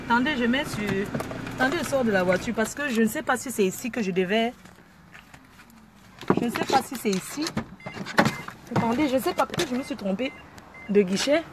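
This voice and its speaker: A woman's voice: a little high, expressive, fairly quick, pauses often. A woman vlogging from inside her car at a drive-through, chatting boisterously and mixing French with pidgin English. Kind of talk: casual self-filmed car vlog. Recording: noisy car ambience. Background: car and engine noise.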